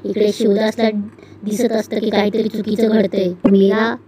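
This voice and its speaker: A woman narrating an episode recap in a steady storytelling way. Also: medium pitch, normal speed. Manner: steady storytelling with repeated "then she says".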